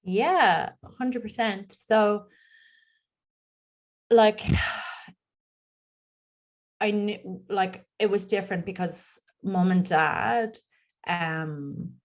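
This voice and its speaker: A woman's voice: mid-range voice, drawn-out words, long pauses. A woman in her forties with a Dublin Irish accent, chatting openly as a podcast guest with plenty of ums and likes. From Ireland. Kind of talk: casual interview chat.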